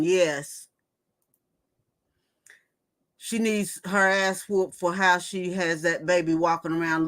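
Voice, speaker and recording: Fifty-something lady gossiping on her stream, reads comments out loud, takes her time, bright voice. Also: on the low side. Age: 50s. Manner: gossipy, reads viewer comments aloud and reacts. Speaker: livestream host. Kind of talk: casual chat.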